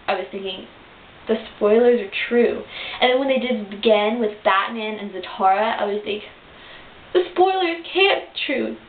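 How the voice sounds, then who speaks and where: Excitable young woman, tinny echoey recording. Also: mid-range voice. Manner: gushing, excitable, many fillers and restarts. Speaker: vlogger reviewing a cartoon episode. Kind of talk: casual fan review. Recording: tinny lo-fi webcam audio in an echoey room with hiss.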